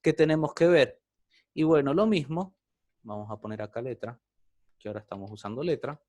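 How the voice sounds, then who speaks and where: A man's voice: medium pitch, brisk, dark tone, no echo. A man teaching an online programming class, explaining step by step and often checking in with the students.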